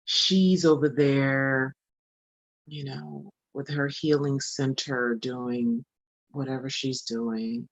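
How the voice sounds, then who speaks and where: A woman's voice: a bass voice, fairly even intonation, slow, no echo. Earnest woman in her forties, repeating for emphasis. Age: 40s. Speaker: spiritual coach. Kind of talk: motivational talk to camera.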